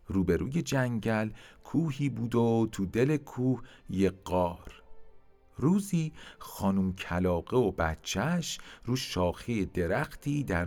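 A man narrating a children's story, speaking to young listeners in an expressive way. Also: low voice.

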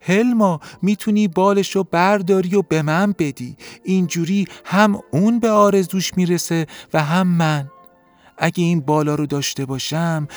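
A man voicing an eager, impatient young snail who gets excited and quickly frustrated. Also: medium pitch, voice pushed up, natural voice. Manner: excitable, quick to get cross.

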